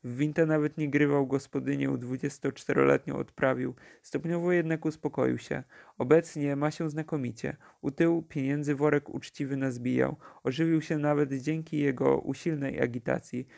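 A man narrating a classic novella for an audiobook, in a steady, measured reading. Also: mid-range voice, gravelly. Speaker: audiobook reader.

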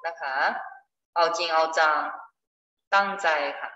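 A woman teacher walks a class through vocabulary, patient and repetitive, at a very unhurried pace. Her voice is bright and a little low. She is heard from across an echoey classroom with a long reverb tail. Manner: slow, patient explaining with repeated examples. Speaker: Chinese language teacher. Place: school classroom. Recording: echoey classroom, far off, dull.

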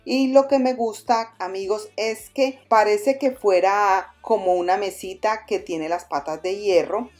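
A woman narrates a home DIY tutorial in voice-over, explaining each step in a friendly, instructive way and talking to viewers as friends. Her voice sits at a medium pitch, and soft music plays faintly underneath. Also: a little slow, hardly any pauses. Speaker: DIY channel host.

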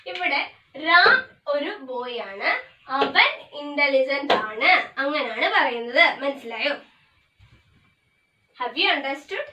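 A woman English teacher explains grammar, mixing in English terms and slowing down to spell out each definition. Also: high voice, animated, pushed and bright, a little hiss or hum. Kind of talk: classroom grammar lesson. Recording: echoey room, voice from a distance.

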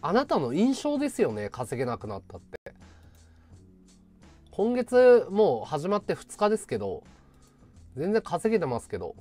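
A man's voice: sits high, wildly swooping pitch, normal speed, pauses often, darkish tone, soft background music. A man livestreaming in casual chat, answering viewer comments with sarcastic, combative ranting.

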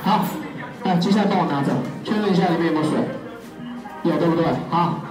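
A young man performs a live magic show for kids in a small indoor party room at a cafe, coaxing and playful, counting aloud with exaggerated energy in a slightly high voice at a quick pace. A far-off camera with no mic picks him up in an echoey room, over loud music and a crowd of children.

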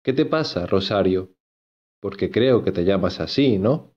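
A man voicing an agitated, lovesick young gentleman from an old novel. He talks earnestly and insistently in a low voice. The recording sounds dull and lo-fi. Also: lively intonation, unhurried. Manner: earnest, insistent, repeats himself.

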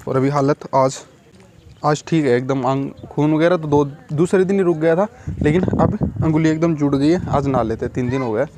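Filmed on his phone with no earphone mic, this young Rajasthani vlogger chats and rambles to his audience, addressing them as guys, first in his home courtyard and then in a clothing shop. He speaks at normal speed in a slightly high voice, with background noise audible.

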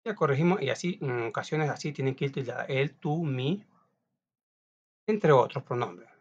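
A man's voice: mid-range voice, expressive, moderate pace. A man teaching a class, reading out notes in a chatty way with frequent restarts and small asides. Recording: dull lo-fi recording.

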